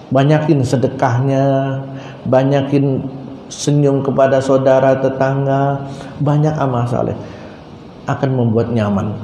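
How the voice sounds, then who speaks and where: Animated male preacher in an echoey hall. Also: mid-range voice, a little hiss or hum. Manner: animated storytelling, acting out voices. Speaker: Islamic preacher. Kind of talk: sermon. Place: Islamic boarding school hall. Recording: roomy echo, faint ambience.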